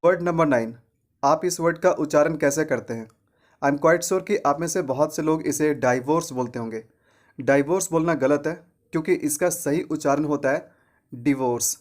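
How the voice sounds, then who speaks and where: A man gives a pronunciation lesson in a voice that sits a little high. He keeps asking his own questions and answering them, repeating the correct word more than once. He slows right down for the English example sentences. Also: darkish tone. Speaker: English teacher.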